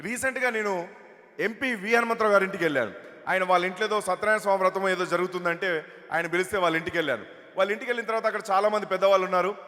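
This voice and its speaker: A man's voice: high-pitched, rapid-fire, bright, forceful tone. A man doing stand-up comedy on stage, telling chatty jokes at a mic. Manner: chatty storytelling. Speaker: comedian and mimicry artist. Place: stage in a hall. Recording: echoey hall over stage PA.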